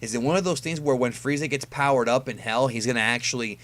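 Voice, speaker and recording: Reviewing an anime episode preview for YouTube, this man talks quickly in a medium-pitched, fairly bright voice. His fan commentary is casual and conversational, with emphasis on important words.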